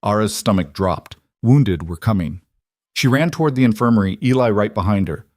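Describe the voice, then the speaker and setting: A man giving scripted story narration in an even, dramatic storytelling manner. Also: on the low side, normal speed, no echo, studio quality.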